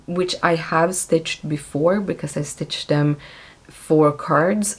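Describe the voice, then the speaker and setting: Low-voiced woman chatting about her stitching. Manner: chatty, with frequent ums and self-corrections. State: losing her voice. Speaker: cross stitch vlogger. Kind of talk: casual chat showing stitching projects.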